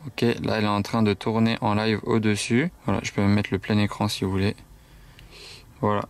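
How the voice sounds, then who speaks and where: A man's voice: fairly low pitch, little pitch movement, moderate pace. A man hosting a casual car-spotting vlog, chatting upbeat and directly to viewers from inside a car while demonstrating a gadget. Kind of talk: casual vlog with product demo.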